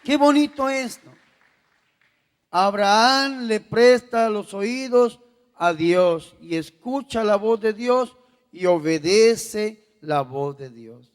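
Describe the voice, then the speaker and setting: Male priest, high voice, slow unhurried preaching, call-and-response with the faithful, long church reverb. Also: some chatter behind. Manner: swings from soft to loud exhortation, tells jokes. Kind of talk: sermon.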